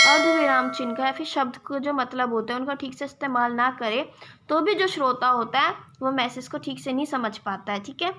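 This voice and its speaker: A woman's voice: high-pitched, bright, forceful tone. A young woman teaching an exam-prep lesson, explaining step by step and checking in with her viewers as friends. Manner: addresses viewers as "friends", gives examples.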